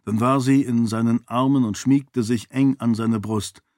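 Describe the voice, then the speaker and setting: A man narrating an audiobook in a steady, measured reading voice. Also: mid-range voice, dry recording, studio quality. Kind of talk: scripted narration.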